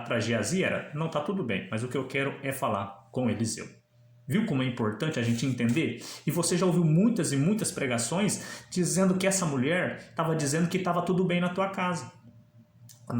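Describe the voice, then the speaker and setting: A man's voice: mid-range voice, reverberant. A man teaching a Bible lesson, explaining the text and asking the viewer questions. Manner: explanatory, asks the viewer questions, acts out quoted dialogue. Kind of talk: theology lesson to camera.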